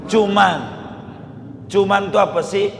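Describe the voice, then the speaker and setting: A hoarse man preaching, quizzing his listeners and repeating key phrases. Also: high-pitched, fairly even intonation, slow pace. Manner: repeats phrases, quizzes listeners, colloquial Betawi-flavored Indonesian. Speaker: Islamic preacher. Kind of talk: lecture sermon with questions to the audience. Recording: long hall reverb.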